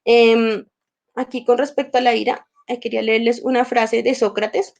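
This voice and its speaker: High-voiced woman teaching. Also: level tone, moderate pace, gravelly, a little mellow. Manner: conversational, acts out inner dialogues with emotions. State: slightly sore throat. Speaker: workshop teacher. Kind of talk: emotional intelligence workshop talk.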